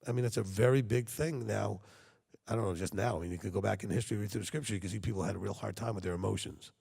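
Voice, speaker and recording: A fairly low, creaky, slightly rough voice with a darkish tone carries this man's very fast sermon, and the sound is that of a big room. As congregation leader he speaks conversationally, frequently asking rhetorical questions.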